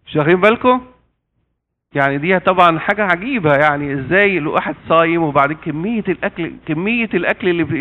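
A man with an Egyptian Arabic accent preaching an interactive sermon, quizzing his congregation with half-finished questions and dropping joking asides. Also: high voice. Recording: tinny phone-like sound.

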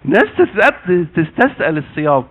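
A man's voice: sits high, big pitch swings, a little fast. A man with an Egyptian Arabic accent preaching an interactive sermon, quizzing his congregation with half-finished questions and dropping joking asides. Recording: tinny phone-like sound.

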